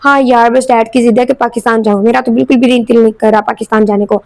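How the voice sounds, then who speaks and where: A woman's voice: fairly high pitch, steady tone, a little mellow, no room sound, natural voice. Teasing, bored young man in an audio novel, read by a woman. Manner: teasing and offhand.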